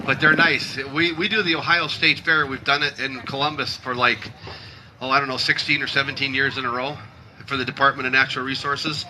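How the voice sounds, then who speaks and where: A man's voice: medium pitch, fairly even intonation, a little fast, noisy background. A man from Michigan emceeing an outdoor timber show, cracking jokes and teasing the crowd. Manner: wisecracking, self-deprecating, teasing the audience. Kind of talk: joking crowd banter over a PA. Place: outdoor festival stage.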